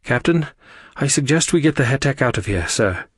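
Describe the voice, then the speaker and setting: A man voicing a brisk, bossy young woman starship officer in an audiobook, giving orders. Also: mid-range voice, animated, slightly rough, no room sound, studio quality, pitched above the performer's own voice. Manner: commanding, brisk.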